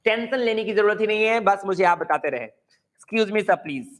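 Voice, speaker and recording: A man's voice: sits high, lively intonation, normal speed, fairly bright tone. Man teaching grammar, coaxing and repetitive. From India. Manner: encouraging, repeats key words and has the class repeat them. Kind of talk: classroom grammar lecture mixing Hindi and English.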